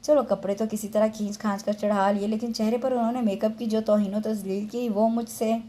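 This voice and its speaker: A woman reading as a lively young woman with a sharp, mocking tongue, her voice warm and mellow even as she pokes fun. The jokes come out playful and theatrical, straight from the pages of a storybook. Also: medium pitch, a little fast, lightly acted.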